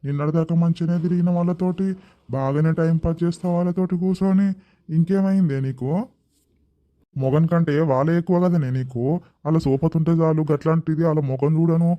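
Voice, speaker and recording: A man's voice: a little high, brisk, lo-fi sound, lightly acted. A man doing a grumbling Telangana village man. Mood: teasing. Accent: Telangana Telugu. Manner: flat grumbling asides, teasing. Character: grumbling village man teasing quarrelling women. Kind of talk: comic village skit acting.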